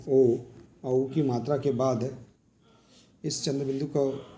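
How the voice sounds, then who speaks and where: A man with a mellow, dark-toned voice teaches a workbook lesson in a patient, explanatory way. He keeps pointing listeners to the examples in front of them. His pitch sits at an ordinary middle level. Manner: explains patiently, often saying "देखिए" while pointing to examples.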